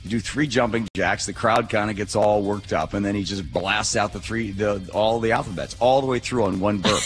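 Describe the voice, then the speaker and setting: A middle-aged American man co-hosting a radio talk show, telling casual comic anecdotes in a rambling, animated way on a close microphone. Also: fairly low pitch, a little fast, soft background music. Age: middle-aged or older. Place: home room, radio show over remote link. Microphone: close studio microphone with headset.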